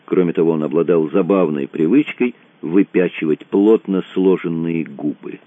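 Deep-voiced male audiobook narrator, tinny sound. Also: moderate pace, no room sound. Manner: expressive reading. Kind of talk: scripted narration. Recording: tinny phone-like dry sound.

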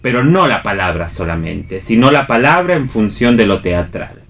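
An Argentine-accented man with a fairly low, fairly bright voice hosts a radio theatre show, here leading an unscripted cultural discussion. Very animated and speaking at normal speed, he is reflective and often repeats words while hunting for the next one.

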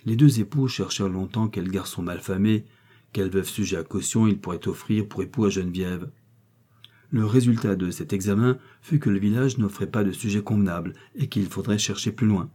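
A man narrates a novel in a measured, steady audiobook reading. His voice is fairly low, dark and mellow in tone, with a husky edge. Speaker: audiobook reader.

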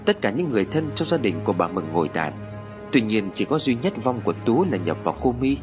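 Expressive male story narrator over music. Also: on the low side, fast talker. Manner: expressive, dramatic reading. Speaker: audiobook narrator. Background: background music.

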